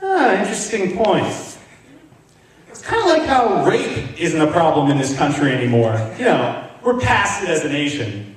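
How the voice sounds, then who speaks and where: A young man performing stand-up, sardonic and profane, tossing off self-mocking asides. His voice sits high for a man. The sound is distant and washed in heavy room echo. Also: huge pitch swings, normal speed. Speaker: stand-up comedian. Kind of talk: live stand-up comedy. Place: comedy club room with a live audience. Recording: very echoey room, captured from afar.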